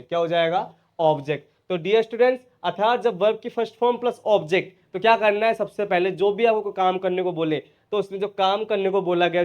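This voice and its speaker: Male teacher, Hindi accent, high-ish voice, drills students with repeated questions. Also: a little mellow. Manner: repeats questions to students and answers them himself. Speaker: English teacher. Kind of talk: spoken English lesson in Hindi.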